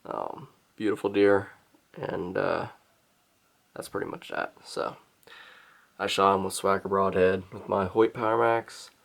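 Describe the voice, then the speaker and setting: A man's voice: sits low, little pitch movement, unhurried, vocal fry, pauses often. A man telling a story in a casual vlog, rambling with lots of filler words. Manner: rambling, many "um" and "pretty much". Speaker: hunting vlogger.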